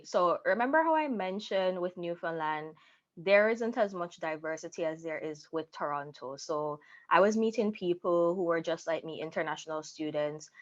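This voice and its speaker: A young adult woman with a voice on the low side speaks candidly about her personal story as an interview guest. She is a content creator, and the sound is lo-fi.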